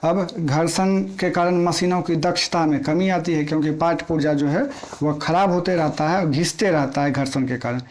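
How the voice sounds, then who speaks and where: A man's voice: on the high side, normal speed, hardly any pauses, a little mellow. A man teaching an exam-prep physics lesson in plain everyday Hindi, repeating key points and asking questions he answers himself.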